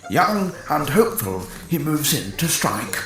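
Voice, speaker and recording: Guy doing nature documentary narration, formal and mock serious, lively pitch, echoey w music behind. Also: measured pace.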